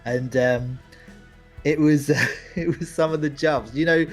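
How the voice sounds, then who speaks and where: A man's voice: fairly high pitch, faint music behind. Easygoing man agreeing along. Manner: agreeable, quick to back up the other speaker with "yeah, yeah". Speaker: podcast co-host. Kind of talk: casual chat about games.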